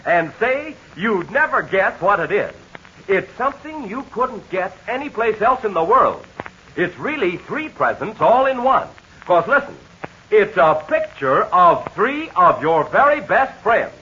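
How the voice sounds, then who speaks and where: This 1940s radio serial announcer makes an eager, breathless sponsor pitch aimed at children, heard through a dull, low-fidelity old recording with slight background noise. His sing-song voice is bright and forceful, running a little slow.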